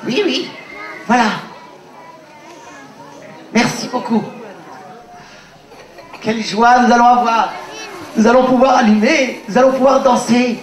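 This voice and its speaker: A man playing a shrill, excitable poor boy. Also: unhurried, pauses often, some chatter behind. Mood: joyful. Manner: excitable, pleading, cries out. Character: poor joyful young boy from Baghdad. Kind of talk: live puppet show acting. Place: puppet stand at a public event. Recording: echoey distant recording with music.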